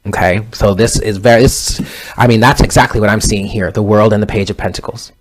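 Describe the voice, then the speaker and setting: A man's voice: fairly low pitch, fairly even intonation, fairly quick, slight background noise. A man in his thirties giving a casual tarot reading, rambling and often correcting himself mid-sentence. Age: 30s. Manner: rambling, self-correcting, conversational. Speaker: tarot reader.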